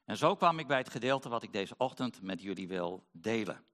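A middle-aged man gives a sermon to his congregation. He speaks haltingly, filling his pauses with hesitations, and his pitch rises and falls in a lively way. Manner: hesitant, many pauses and fillers. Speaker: preacher.

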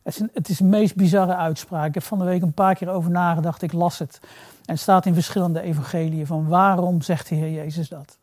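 A man preaching a sermon in a reflective way. He repeats phrases for emphasis and drops to a soft, low voice on key words. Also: steady tone, a little fast, no room sound, clean studio sound.

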